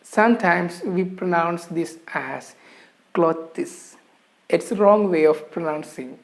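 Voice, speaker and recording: The speaker has an Indian English accent and a voice with noticeable vocal fry. They teach in a didactic manner, repeating key words and phrases as they explain pronunciation. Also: mid-range voice, measured pace. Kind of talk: spoken lesson.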